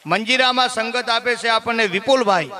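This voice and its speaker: A middle-aged man performing live on stage, chanting devotional lines in a high sung voice and joking with the crowd. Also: a little fast, bright, forceful tone. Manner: chanting prayers in a high sung voice, then chatty joking asides to the audience. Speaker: folk stage performer at a dayro. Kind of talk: live stage folk comedy and devotional singing. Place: live stage before a seated audience.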